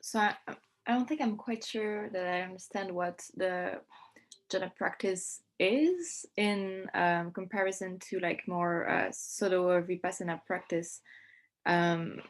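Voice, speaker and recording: A woman student in a meditation class asking hesitant questions, with many pauses and fillers. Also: lowish voice.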